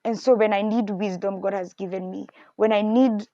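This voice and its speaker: A young woman with a medium-pitched voice hosts a podcast, candidly and thoughtfully discussing faith and her own insecurities at a moderate pace and becoming animated when she quotes others. The personal faith talk has dull audio and no echo.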